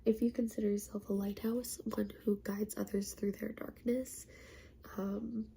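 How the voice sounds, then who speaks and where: A woman with a cold talks in a quiet, hesitant half-whisper, her stuffy voice gravelly, mid-pitched and level. She's a tarot reader giving an easygoing spiritual talk, stopping on frequent ums and sounding self-conscious about her voice, with slight background noise.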